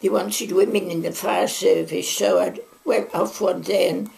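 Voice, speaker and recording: A woman's voice: medium pitch, steady tone, measured pace, gravelly, a little mellow. A woman in her nineties with a Mancunian accent, chatting her way through wartime memories in an oral history interview at home, with plenty of asides. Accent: Mancunian English. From Manchester, England. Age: 90s. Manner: chatty, rambling reminiscence with frequent asides. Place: living room at home.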